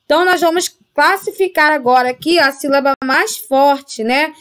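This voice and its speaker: A woman's voice: sits high, normal speed, a bit bright. A woman teaching a primary school Portuguese class with a Brazilian accent, patiently stretching out example words and checking in with the children. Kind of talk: recorded remote class lesson.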